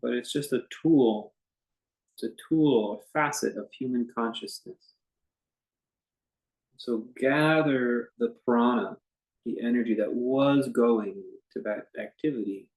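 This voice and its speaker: On a rough recording, a man with a medium-pitched voice guides listeners through meditation. He talks off the cuff like a teacher in conversation, softly and haltingly, with long pauses.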